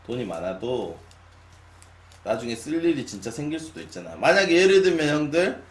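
A man of twenty-nine chatting casually with his stream viewers, musing with long sighs and drifting between loud and quiet. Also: mid-range voice, big pitch swings, brisk. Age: 20s. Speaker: live streamer. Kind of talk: casual late-night chat with viewers. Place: small room at a desk. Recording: echoey room, faint hum.

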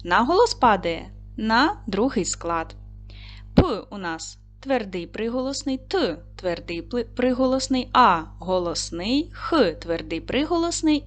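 A woman's voice: on the high side, a bit bright. A woman teacher talks patiently to young children in a lesson, speaking straight to them. Her voice rises and falls a great deal. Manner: patient, addressing children directly. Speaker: primary school teacher. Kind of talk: online lesson for second graders.

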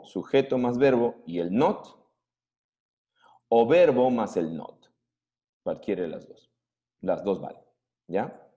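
A man's voice: medium pitch, dark tone. A male English teacher, giving a classroom grammar lesson and patiently checking that his students follow. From Peru.

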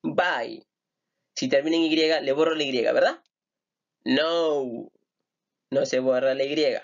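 A man's voice: medium pitch, fairly even intonation, slow, vocal fry, dull audio. A man teaching an English grammar lesson, patiently repeating words and asking rhetorical questions. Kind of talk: recorded online grammar lesson.

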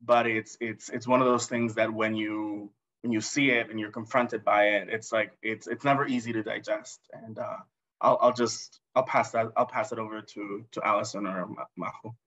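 A man's voice: fairly low pitch, steady tone, normal speed, a bit bright. A man in his thirties from Guatemala, a panelist on a video call, speaking earnestly and repeating words as he searches for them. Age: 30s. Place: indoors, room with framed pictures. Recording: dull, muffled call audio.

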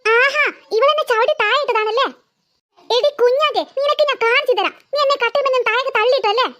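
A woman's voice: extremely high pitch, fast, sharp tone. A woman voicing a squabbling cartoon girl. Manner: whiny, squabbling. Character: quarrelsome young cartoon girl, sulky.

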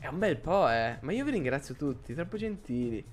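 A man's voice: medium pitch, sing-song, fairly quick, faint music behind. A man streaming live, chatting casually and rambling as he answers his chat viewers.

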